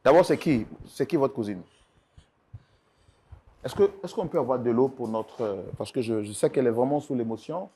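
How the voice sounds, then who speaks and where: A man's voice: medium pitch, moderate pace, slight background noise. Firm, soothing male talk show mediator. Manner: firm and soothing, repeating calming requests. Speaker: mediator host.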